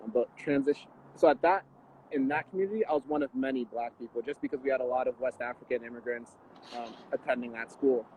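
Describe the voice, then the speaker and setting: A man in his twenties from the Washington D.C. area, a guest athlete answering interview questions in a measured, thoughtful way over a video call. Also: mid-range voice, darkish tone, slight background noise. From Washington D.C. area, USA. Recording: tinny phone-like video call audio.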